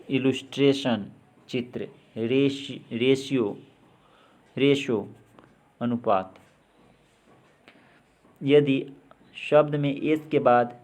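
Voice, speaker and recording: A man's voice: medium pitch, darkish tone. A man teaching English pronunciation, reading out words one by one with their meanings and sometimes repeating them. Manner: slow and deliberate, repeats words. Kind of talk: spoken pronunciation lesson.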